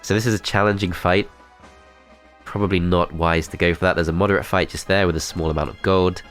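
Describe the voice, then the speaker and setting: In his strategy game let's play, a man reasons through his moves aloud, calm and methodical. A cold has left his low voice nasal and congested with a blocked-up nose. He talks fairly quickly, and faint music sits behind him.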